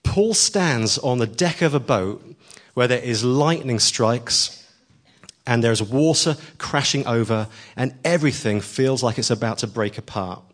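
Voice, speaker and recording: A man's voice: medium pitch, unhurried. A man preaching a sermon, earnest and emphatic, pushing his voice up on key lines, with frequent ums as he tells a story.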